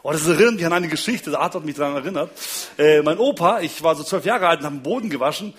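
A man's voice: on the high side, rapid-fire, fairly bright tone. A man giving a humorous talk on marriage to an audience, telling stories about his wife and kids and checking in with listeners as he goes. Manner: keeps checking in with listeners, chuckles often. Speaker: speaker on marriage and relationships.

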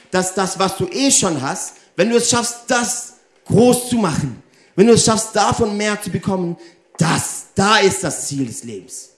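Guy preaching a sermon, fairly high voice, lots of questions thrown at the crowd, echoey room. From Germany. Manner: animated, addresses the audience directly with rhetorical questions.

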